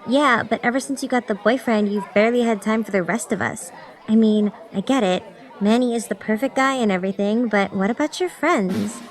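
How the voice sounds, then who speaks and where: A woman voicing a pushy, teasing teenage schoolgirl in an animated story comic dub. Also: fairly high pitch, a little fast, a faint crowd, natural voice. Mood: complaining. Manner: complaining, teasing tone. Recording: voice over background music.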